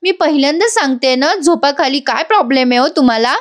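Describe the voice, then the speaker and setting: A woman's voice: high-pitched, quick pace, pitched above the performer's own voice, natural voice. A woman voicing a bossy, stubborn young wife. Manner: insistent, ordering.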